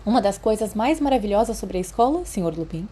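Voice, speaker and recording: A woman's voice: medium pitch, lively intonation, warm tone, breathy edge. A Brazilian woman voicing a formal, tactful elderly female professor in an audiobook story. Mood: gentle, tactful. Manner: formal, measured.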